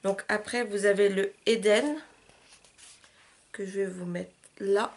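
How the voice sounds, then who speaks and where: A woman vlogger chatting casually through a makeup tutorial, with loose fillers and soft, half-muttered asides while she works. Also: mid-range voice, steady tone, slow pace. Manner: chatty, loose, with frequent "euh", "hop" and "voilà". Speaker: beauty vlogger.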